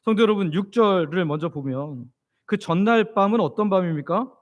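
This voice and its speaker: A man's voice: high-pitched, animated, moderate pace, dull audio. A man preaching an expository sermon as pastor, asking his congregation questions and answering them himself. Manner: leads the congregation in reading scripture aloud.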